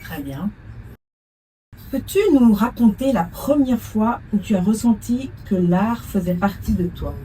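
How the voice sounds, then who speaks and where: A woman's voice: mid-range voice, expressive, a little slow, dark tone, distant mic, slight background noise, low-quality recording. Woman interviewer heard from afar. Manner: brief, attentive backchannels. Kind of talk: interview questions.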